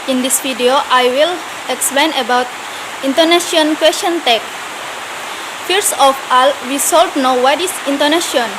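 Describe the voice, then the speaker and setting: A young woman student explaining English question tags in a class video, hesitant with frequent fillers and restarts. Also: high voice. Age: young adult. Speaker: student presenter. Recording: loud steady hiss behind voice.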